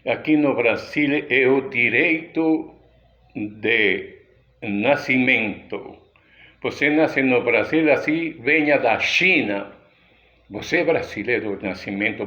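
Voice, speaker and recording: A man from Peru, a pastor with a Peruvian Spanish accent and Spanish as his first language, giving a deliberate, unhurried sermon. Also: mid-range voice, a bit bright, dull audio. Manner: unhurried, deliberate teaching delivery with frequent pauses.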